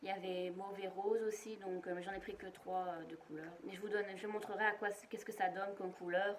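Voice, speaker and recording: Casual home vlogger, female, slightly low-pitched, hesitant and talkative, light noise behind. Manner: chatty, rambling, many hesitations. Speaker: vlogger showing shopping finds. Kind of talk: casual product show-and-tell. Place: at home, indoors.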